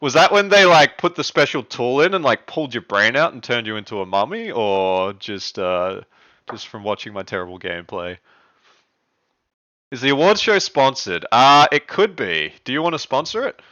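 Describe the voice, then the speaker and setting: A young man hosts a riddle contest live on stream, his voice leaping up and down as he chats and laughs. The tone is bright and forward. It sounds dry and a little dull, like a close home streaming mic. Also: medium pitch, moderate pace, dry recording. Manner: excitable, chatty, laughs often. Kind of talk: casual live-stream chat.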